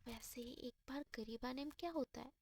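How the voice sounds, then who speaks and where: A woman voicing a caring, teasing young woman in a storytelling romance, speaking softly and playfully. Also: high-pitched, normal speed, slightly rough, no room sound.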